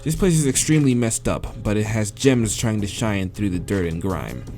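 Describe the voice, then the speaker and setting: His voice is on the low side and warm, with lively intonation at a moderate pace. He reads a visual novel out loud over game music, swearing and laughing between lines as a let's play reader.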